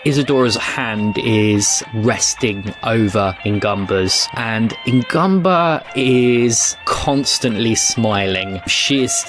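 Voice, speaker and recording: A British man narrating a tabletop game as game master, relaxed and chatty. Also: lowish voice, slow pace, hardly any pauses, music in the background.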